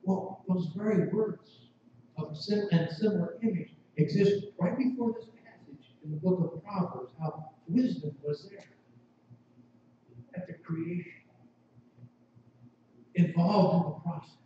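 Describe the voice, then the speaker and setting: A man's voice: high voice, a little slow, pauses often, slight background noise. A male pastor delivering a sermon in a church, telling the story vividly in the second person. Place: church sanctuary. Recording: echoey church from a distance, dull.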